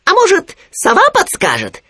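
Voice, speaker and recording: A man voicing a timid, excitable little male piglet in a storybook, talking squeaky and eager and stammering when nervous. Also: normal speed, no echo, exaggerated voice.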